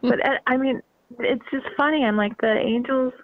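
A woman's voice: high-pitched, normal speed, no echo. A woman from the Northeastern US, a guest on a radio show, talking enthusiastically with lots of fillers over the phone. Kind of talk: radio call-in conversation. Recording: tinny phone line.

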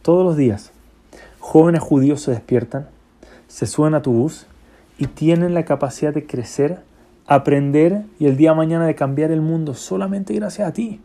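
A man voicing a revered old male sage who speaks earnestly and persuasively, his pitch lifted. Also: normal speed, dark tone, close to an everyday voice. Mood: earnest urging.

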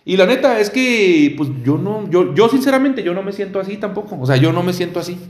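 A man's voice: high voice, brisk, roomy sound. A man with a Mexican Spanish accent, co-hosting a casual podcast chat, slangy and laughing as he tells stories. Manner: slangy, laughing, lively storytelling. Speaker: podcast co-host.

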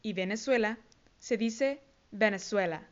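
A woman hosting a scripted podcast lesson, slowly and carefully repeating words for listeners to copy. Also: fairly high pitch, muffled recording. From Mexico. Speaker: English teacher host of a podcast.

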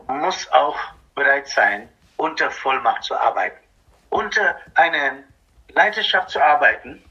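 Man, pastor, non-native German accent, animated sermon, bright tense voice, dull lo-fi recording. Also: on the high side. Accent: non-native German speaker. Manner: animated, acts out objecting churchgoers, frequent tag "ja?".

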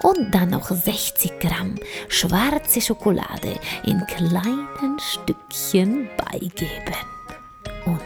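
A woman's voice: mid-range voice, expressive, very slow, creaky, full character voice. Woman voicing a proud bear chef. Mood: cheerful. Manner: warm, encouraging teacher tone. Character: five-star bear chef, cheerful and proud. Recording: soft music underneath.

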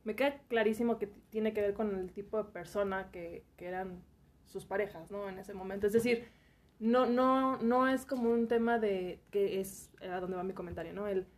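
A woman's voice: mid-range voice, normal speed. A woman hosting a conversation, chiming in often and steering the talk. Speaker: host. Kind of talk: conversational interview.

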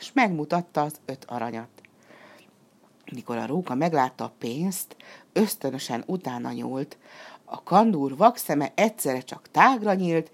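A woman reading a fairy tale aloud, her voice low and rich. She narrates with lively, expressive swings in pitch, bringing the story along warmly. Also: husky.

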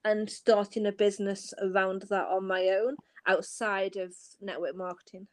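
A woman's voice: medium pitch, steady tone, moderate pace. A woman guest on a podcast, a tarot reader and coach, earnestly telling her story in casual chat and often restarting her phrases.

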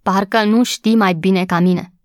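A woman voicing an excitable young housemaid who is gossipy, breathless and quick to take offense, in an audiobook reading. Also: mid-range voice, no room sound, studio quality, lightly acted. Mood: excited. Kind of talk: audiobook character voice.

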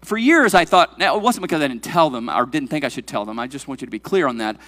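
A pastor in his forties preaches to his congregation in a church sanctuary, his medium-pitched, slightly bright voice moving fast with lively intonation. He's emphatic and keeps throwing questions at the room, and a long hall reverb trails his words.

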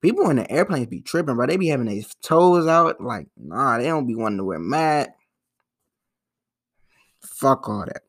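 Gravelly young man rambling on a podcast. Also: medium pitch, very animated, a little fast, hardly any pauses. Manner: loose, rambling and profane, with frequent restarts and slang. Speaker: podcast host. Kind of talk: casual solo podcast commentary.

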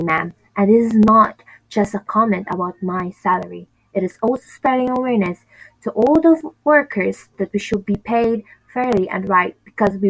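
A woman's voice: medium pitch, close to an everyday voice, rough recording. A woman playing a devoted, determined single mother in an amateur audio drama, earnest and emotional.

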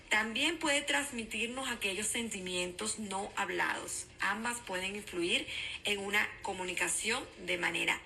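A woman, a certified communication coach, giving a calm, instructive podcast talk and repeating her key steps. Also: mid-range voice, vocal fry, low-quality recording. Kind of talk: podcast self-help talk.

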